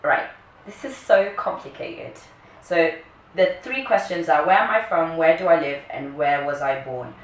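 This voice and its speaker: Her voice sits low and she speaks a little slowly as she chats casually and playfully to camera. The vlogger is a woman in her early 30s, from Kenya and later the UK. The recording is echoey, distantly miked and faintly noisy.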